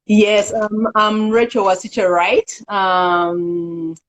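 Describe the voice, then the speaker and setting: Middle-aged woman from Uganda, interview guest, earnest and unhurried, mid-range voice. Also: medium pitch, little pitch movement, faint music behind, poor audio. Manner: earnest, halting with fillers, laughs easily. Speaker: executive director, interview guest. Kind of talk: casual interview talk.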